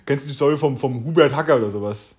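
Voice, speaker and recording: Fast-talking slangy young man. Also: medium pitch. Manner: rapid, slangy, teasing banter. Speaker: podcast co-host. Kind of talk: casual chat.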